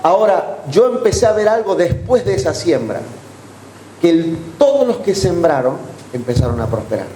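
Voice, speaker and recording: A pastor with an Argentine accent preaches in a church meeting hall, acting out exchanges with his congregation as he tells stories. His voice sits high but sounds mellow. The room gives it a strong echo, with faint background noise. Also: normal speed. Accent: Argentine Spanish. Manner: animated storytelling, acting out dialogue. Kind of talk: sermon with testimonies.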